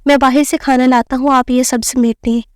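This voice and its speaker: A woman's voice: high voice, little pitch movement, moderate pace, a little mellow, no room sound, clean studio sound, natural voice. A woman reading the lines of a kind, teasing young husband in a playful, mock-formal way.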